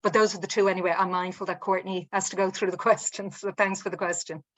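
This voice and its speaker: A woman's voice: medium pitch, steady tone, fast talker, fairly bright tone. A woman with an Irish accent, a physician on a webinar panel, explaining with good humor. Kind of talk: casual panel discussion.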